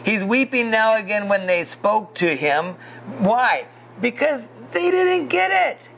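High, gravelly-voiced male pastor; warm-hearted casual preaching, faint room hiss. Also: big pitch swings, slow pace, rough recording. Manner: emotional, conversational, addresses listeners as "you guys". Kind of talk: sermon.

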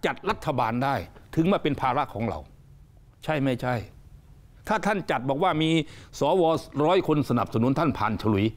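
A man's voice: mid-range voice, big pitch swings, normal speed. A politician being interviewed on a studio talk show, emphatic and joking, often repeating his words. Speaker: politician guest.

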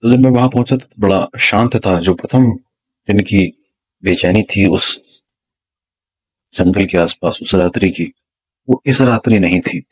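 A man, a spiritual teacher, slowly and dramatically telling of his own spiritual experience, repeating words to build suspense. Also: sits low, breathy edge. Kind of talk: storytelling a personal spiritual experience.

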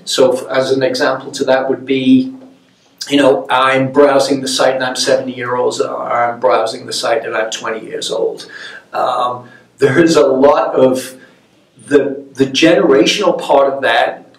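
A man in his fifties, a creative director, explaining his work in an interview with animated gestures. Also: medium pitch. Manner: animated hand gestures, measured explanatory delivery. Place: open-plan office, indoors. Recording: roomy office sound from a distance.

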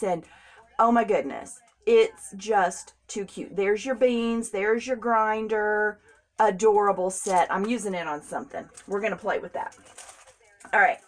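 A woman, chatting casually and gushing as she unboxes craft supplies, laughing often. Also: mid-range voice. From United States. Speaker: crafting vlogger.

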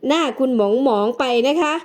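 A woman voicing a female fortune teller in a storybook drama, speaking slowly and scolding with warnings. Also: natural voice. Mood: fawning. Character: slow-talking preachy female fortune teller.

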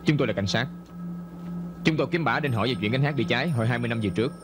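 A man dubbing a rapid-talking police detective. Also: mid-range voice, over music, lightly acted. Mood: questioning. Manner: rapid, matter-of-fact questioning. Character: calm, businesslike young male police detective. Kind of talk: Vietnamese film dub.

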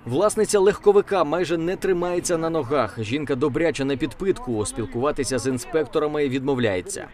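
Male reporter voice-over, slightly high. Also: expressive, darkish tone. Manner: measured, formal. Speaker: news reporter. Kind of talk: scripted voice-over narration.

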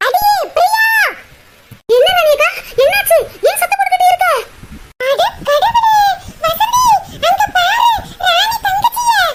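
Shrill cartoon village sister, Tirunelveli accent, scolding, wailing, very high voice, heavy noise behind. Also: female voice, expressive, normal speed. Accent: Tirunelveli Tamil. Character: loud, dramatic village woman Rani, older sister. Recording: loud background noise.

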